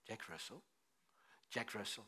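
A man preaching a sermon as an animated storyteller, acting out dialogue and swinging from loud outbursts to hushed asides. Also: fairly low pitch, a little slow, slightly rough.

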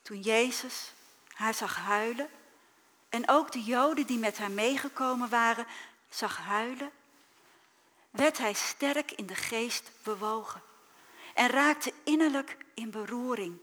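A woman preacher giving a sermon, reading the Bible story dramatically with sudden loud cries and soft, quiet drops. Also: on the high side, slow pace.

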